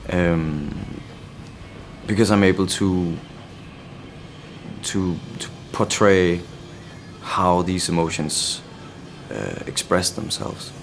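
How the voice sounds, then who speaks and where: A Danish band member with a Danish accent answers interview questions reflectively, often pausing to search for words. His low voice has lively intonation and a creaky edge, with a slight hiss or hum in the recording.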